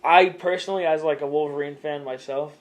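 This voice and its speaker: A man's voice: on the high side, steady tone, a little fast. A young man co-hosting a podcast, talking loosely in casual chat with slang and swearing. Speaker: podcast co-host.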